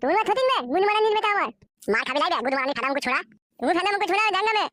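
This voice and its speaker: A brash, foul-mouthed cartoon boy, voiced by a woman, high and shrill, spitting out rapid-fire insults. He talks back nonstop and never lets up. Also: expressive, dry recording, clean studio sound. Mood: defiant. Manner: shouting, rude.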